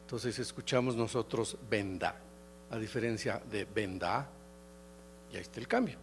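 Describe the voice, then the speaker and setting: A middle-aged man from León with a Mexican Spanish accent, giving a halting academic lecture full of hesitations and restarts. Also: medium pitch, fairly even intonation, a little hiss or hum. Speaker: keynote lecturer.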